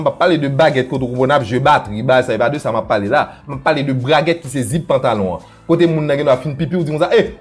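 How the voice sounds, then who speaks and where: A language teacher with a Haitian Creole accent leads a playful video lesson. He often slips into low asides and leaps up high when voicing quotes.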